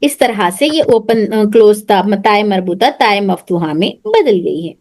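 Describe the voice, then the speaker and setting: A woman's voice: mid-range voice, expressive, measured pace, darkish tone, a little hiss or hum. A woman teaching an online grammar class, repeating terms and often checking that students follow, mixing in English phrases. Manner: mixes Hindi with English phrases. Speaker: Arabic teacher.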